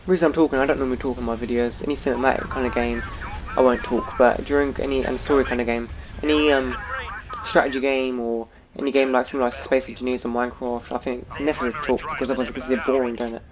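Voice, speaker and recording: Fast, flat-toned man over game battle noise. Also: mid-range voice. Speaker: video game player narrating own gameplay. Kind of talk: casual gameplay commentary. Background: space battle sounds and unit voices from the game.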